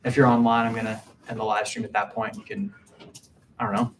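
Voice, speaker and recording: A man's voice: lowish voice, level tone, fairly quick, recorded from a distance, slight background noise. A man preaching a casual midweek sermon, chatty and full of "like" fillers. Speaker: pastor.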